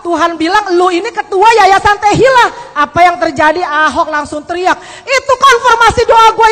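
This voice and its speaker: A woman giving a lively sermon testimony to a congregation, acting out the voices in her story. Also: very high voice. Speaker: church speaker giving testimony. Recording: long hall reverb.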